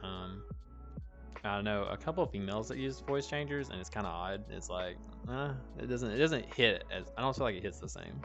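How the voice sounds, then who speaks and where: A man's voice: fairly low pitch, brisk, lo-fi sound, over music. A man hosting a casual chat, with a dry throat, laid-back and laughing often. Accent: noticeable accent. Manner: relaxed, chatty, laughs often. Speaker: host.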